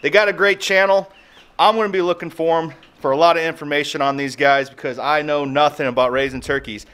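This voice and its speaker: A smooth, fairly bright voice on the high side belongs to an American man in his thirties, a homestead vlogger chatting casually and folksily to camera. His intonation stays fairly even and his pace is a little fast. Shot in a yard and a garage, the audio has background noise, wind outdoors, and birds.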